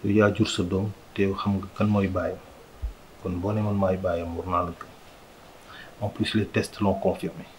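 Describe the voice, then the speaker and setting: A man's voice: low-pitched, flat delivery, darkish tone, slight background noise, lightly acted, low-quality recording. A man playing an earnest lover with a Senegalese accent. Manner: measured, earnest, mixing French and Wolof. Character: calm man proposing marriage to his lover. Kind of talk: TV drama acting. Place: restaurant dining room.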